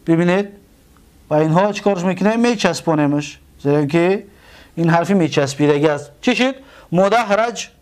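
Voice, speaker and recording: A man with a Tajik accent teaches a grammar lesson in a noticeably high voice. He goes over key terms slowly, saying them more than once. He keeps asking his students rhetorical questions to hold their attention. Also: smooth. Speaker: religious school teacher.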